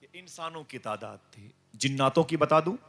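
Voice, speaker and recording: A man preaching a devotional sermon to a live gathering, emphatic and rising to loud calls for the crowd to respond. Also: a little high, animated. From South Asia.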